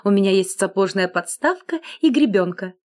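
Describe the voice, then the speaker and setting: A woman's voice: mid-range voice, lively intonation, moderate pace, natural voice. A woman voicing a vain, boastful male shirt collar who flirts and brags in a gushing way. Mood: smooth flirting.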